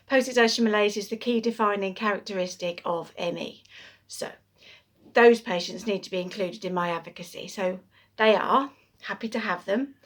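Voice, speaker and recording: A woman speaking earnestly to camera in an advocacy vlog, out of breath, pausing and restarting as she talks. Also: medium pitch. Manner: earnest, pauses and restarts mid-sentence. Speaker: awareness campaigner.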